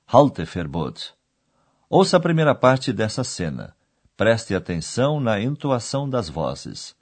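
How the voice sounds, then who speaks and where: A man hosting a radio language course, explaining clearly in a didactic, scripted narration. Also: lowish voice, a little mellow.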